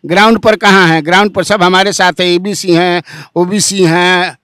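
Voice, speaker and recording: Male interviewer, high pitched, pushy questions, dry sound. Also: fairly even intonation, moderate pace, bright, forceful tone, clear, resonant tone, dry recording. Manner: challenging, relays what critics say. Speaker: journalist interviewer.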